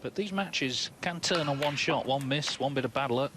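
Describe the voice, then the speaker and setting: A man's voice: mid-range voice, normal speed. A man giving snooker commentary as a television commentator. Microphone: commentary microphone. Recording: noisy arena with crowd sound. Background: crowd and arena noise.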